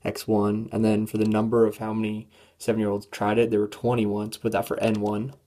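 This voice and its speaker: A teenage student walks through a statistics problem on a calculator, hesitating with many fillers and clearing a voice that is going hoarse. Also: medium pitch, completely flat delivery, warm tone, a little hiss or hum. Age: teens. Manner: halting, filler-heavy, thinking aloud. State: losing voice, throat clearing. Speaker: student presenter. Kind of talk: classroom walkthrough of a calculator test.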